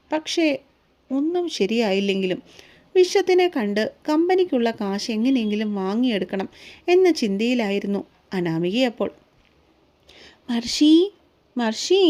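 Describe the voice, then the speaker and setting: A woman narrates a romance novel in a slow, emotive and soothing way. Her voice is warm and mellow rather than bright, and it sits a little high. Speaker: storyteller.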